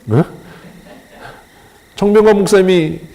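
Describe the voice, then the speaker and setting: A man's voice: high-pitched, slow pace, creaky, mellow. A male pastor preaching a sermon in a colloquial, humorous way, acting out little dialogues as he goes.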